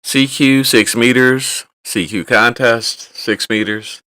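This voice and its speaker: Taking it slowly with a steady tone, a medium-pitched man calls CQ over the air like a contesting ham operator. He reads his call sign in the phonetic alphabet in a loud, sing-song call that he keeps repeating, captured on a dry recording.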